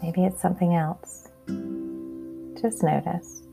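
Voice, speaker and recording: A woman hosting a podcast leads a calm grounding exercise in a gentle, unhurried, instructional manner. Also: fairly low pitch, gravelly, faint music behind. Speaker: podcast host and mindfulness guide.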